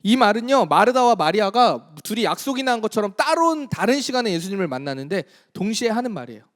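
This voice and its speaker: A man preaching a sermon as pastor, retelling the story in a lively way and acting out the dialogue. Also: sits high, quick pace. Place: church worship hall.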